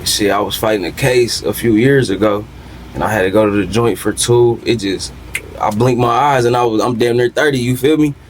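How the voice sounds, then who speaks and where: A man's voice: medium pitch, brisk, slight background noise, rough recording. A man in his twenties from Michigan, a rapper telling his story in a casual podcast interview, with laid-back street slang. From Lansing, Michigan. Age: 20s. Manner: laid-back street slang, keeps asking "you feel me". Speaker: rapper guest.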